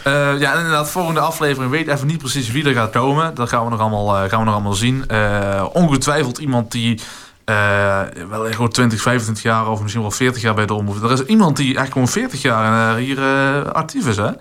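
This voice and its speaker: A man's voice: medium pitch, fast talker, hardly any pauses, fairly bright tone. A young adult man hosting a casual interview, rambling and hesitant. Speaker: podcast host.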